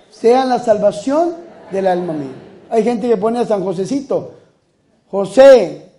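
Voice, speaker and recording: High-voiced fervent priest preaching. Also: male voice. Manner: fervent, swings between loud outbursts and soft asides. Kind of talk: charismatic sermon.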